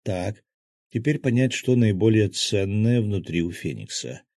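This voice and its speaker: Man, very low voice, husky, first-person audiobook narration, terse, dry studio sound. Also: animated, a little slow, darkish tone, no room sound. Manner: terse, dry inner monologue.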